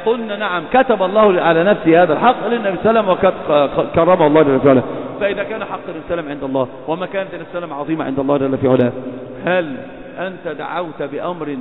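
A man preaching a sermon, fast and emphatic, firing rhetorical questions. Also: on the high side. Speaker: Islamic preacher. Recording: echoey hall, phone-like lo-fi sound.

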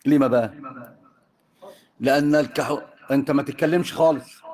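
This religious teacher speaks a little fast, his medium-pitched voice carrying a darkish tone and an Egyptian accent. In a relaxed lesson, he ribs his students playfully and slides back and forth between classical and everyday Arabic.

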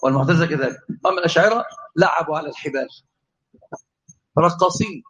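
A man with an Egyptian Arabic accent teaching a lively theology lesson, quizzing his class and calling on students. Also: fairly high pitch, fast talker, highs cut off. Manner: animated, asks the class questions and calls on students. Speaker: religious teacher.

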